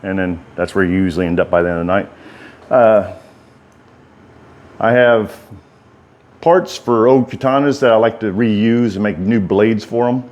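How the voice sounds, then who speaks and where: Low-voiced American man talking out of his mouth's side. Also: moderate pace, pauses often, darkish tone, lo-fi sound. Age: middle-aged. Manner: rambling, folksy and informal. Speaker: writer and bladesmith giving a workshop tour. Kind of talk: casual walk-through vlog.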